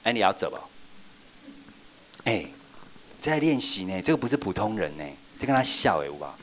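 A man training children's church teachers in a workshop, playful and lively, acting out examples as he goes. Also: fairly low pitch, brisk.

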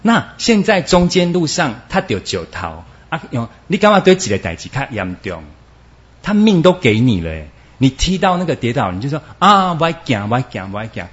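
Lively preacher man. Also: mid-range voice, normal speed. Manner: animated, acts out quoted voices, mixes in Hokkien words. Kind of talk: sermon. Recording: dull lo-fi recording.

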